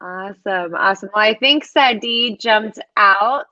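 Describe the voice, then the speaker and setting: A woman's voice: mid-range voice, measured pace, sharp tone, dry recording, highs cut off. A young woman hosting a live stream over a video call, upbeat and chatty with lots of fillers. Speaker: host of a student live stream.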